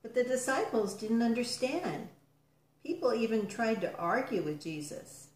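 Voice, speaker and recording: A woman reads a storybook aloud to children at an unhurried pace. Her delivery is gentle and expressive and falls soft at solemn moments. The sound rings in an echoey room. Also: fairly high pitch, slight background noise.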